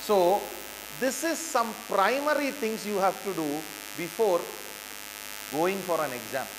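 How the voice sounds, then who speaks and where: A man's voice: sits high, lively intonation, measured pace, in a large hall, background noise. A man with an Indian English accent giving a motivational classroom lecture, asking rhetorical questions and repeating key phrases for emphasis. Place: lecture hall.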